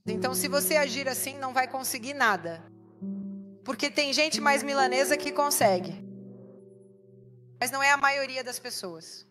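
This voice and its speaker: High-voiced woman preaching a sermon. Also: normal speed, long pauses, music in the background. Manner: emphatic, asks the congregation rhetorical questions. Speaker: pastor.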